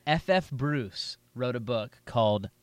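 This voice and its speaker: A man, a pastor, co-hosting a casual Bible podcast, telling stories with animated energy and slipping into a preacher voice. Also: medium pitch, slow, no echo. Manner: animated storyteller, drifts into a preacher voice.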